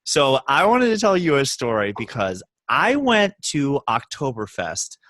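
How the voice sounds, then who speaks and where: A man's voice: mid-range voice, unhurried, dry recording. A man in his thirties with a Baltimore accent, co-hosting a podcast in casual, rambling chat. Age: 30s. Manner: animated storytelling, rambling with restarts. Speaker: podcast co-host.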